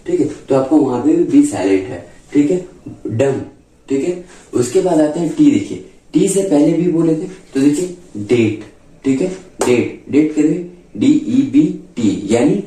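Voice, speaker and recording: An English teacher, male, gives a grammar lesson in classroom style, warm-toned and medium-pitched. He repeats his points, checks in often, and slows down to spell out letters. The recording is echoey, his voice coming from a distance.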